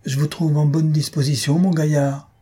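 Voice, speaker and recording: A man's voice: on the high side, level tone, moderate pace, mellow, slightly rough, voice pushed up. A man reading aloud and voicing a middle-aged, pompous bourgeois father in a hearty, emphatic way. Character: pompous bourgeois father, eager to marry off daughter.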